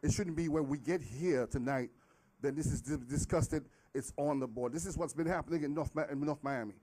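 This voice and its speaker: Higher-pitched, mellow middle-aged man at public comment. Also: brisk. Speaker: resident and former city worker speaking at public comment.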